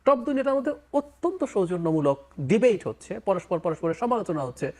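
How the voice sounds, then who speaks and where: A man's voice: high voice, fairly quick. A man giving political analysis as a talk show guest, dropping English phrases into his speech. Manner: lively, mixes in English phrases.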